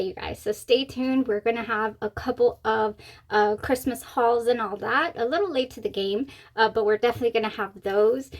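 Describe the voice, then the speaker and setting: A woman with a somewhat high voice hosts a casual, chatty review. She sounds giddy and gushes with excitement. Her mouth is still swollen on one side after wisdom teeth removal. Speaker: fragrance review channel host.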